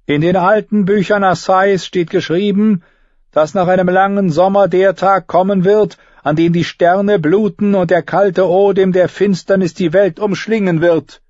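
A man reading an audiobook, voicing a fervent female red priestess who declaims prophecies slowly and grandly. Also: sits high, steady tone, a little mellow, no echo, dull audio, voice pushed up. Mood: exalted prophecy. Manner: exalted, slow, declaiming.

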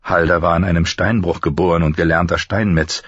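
A man narrating an audiobook with a steady, measured reading. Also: deep voice, slightly rough, dry recording, muffled recording. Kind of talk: scripted narration.

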